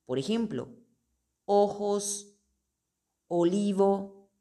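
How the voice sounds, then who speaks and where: A woman teaching Spanish pronunciation, naming letters and saying example words one at a time in a careful, deliberate way. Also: mid-range voice, dark tone. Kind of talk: slow, deliberate pronunciation lesson.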